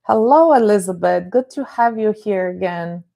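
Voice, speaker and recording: On a live stream, a middle-aged therapist and life coach from Bulgaria gives a calm explanation and says hello to viewers by name. Her voice is medium in pitch and creaky, and her speed is normal.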